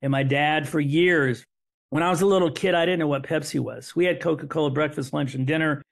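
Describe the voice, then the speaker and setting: A middle-aged man whose language is Hebrew, the son of survivors, tells a family story as an interview guest. His voice is a little high, brisk and gravelly with fairly even intonation, and he speaks earnestly, repeating words and restarting.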